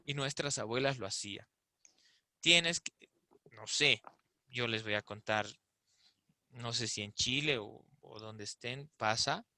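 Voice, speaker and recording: An invited speaker in an online discussion gives a conversational, explanatory talk, often posing rhetorical questions. His medium-pitched voice is pushed and bright, recorded without echo.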